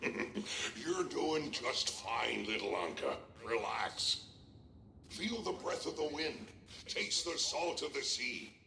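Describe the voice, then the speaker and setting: A gruff old fisherman of a pirate, with a gravelly, forceful voice in a roomy echo. He talks in slow, salty, hearty phrases as a carefree video game sea dog. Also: mid-range voice, expressive, full character voice. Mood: hearty, easygoing. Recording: roomy echo, faint background noise.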